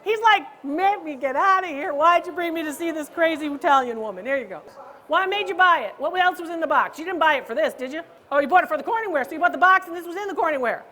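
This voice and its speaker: A woman who appraises antiques and hosts a comedy show, teasing and ribbing her audience loudly and playfully on a live stage. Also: extremely high pitch. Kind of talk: live stand-up style crowd banter.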